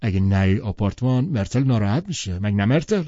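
A blunt, bossy wealthy man who gives orders rather than asks, as a male narrator voices him. His voice is dark and firm, slightly louder than the narration, with a dull, muffled quality. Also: fairly low pitch, animated, dry recording. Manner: curt and firm. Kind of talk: audiobook character voice.

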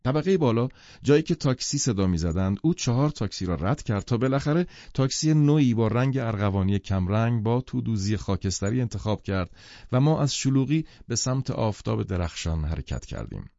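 A man narrating a novel as an audiobook, in a measured, expressive reading. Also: medium pitch, no room sound, muffled recording. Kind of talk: scripted literary narration.

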